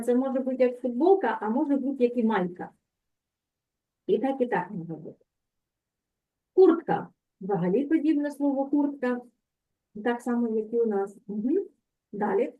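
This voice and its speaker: Woman, language teacher, patient explaining, slightly high voice, tinny phone-like audio. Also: lively intonation, normal speed, pauses often. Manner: patient, explanatory, frequent "так?" checks. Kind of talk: online language lesson.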